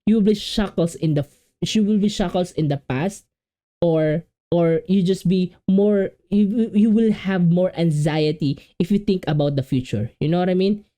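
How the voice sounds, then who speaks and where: Speaking with a Filipino accent at normal speed, a man from the Philippines, Filipino being his native language, gives a casual, rambling video reaction. His voice sits high but has a dark tone, and he frequently restarts and repeats words.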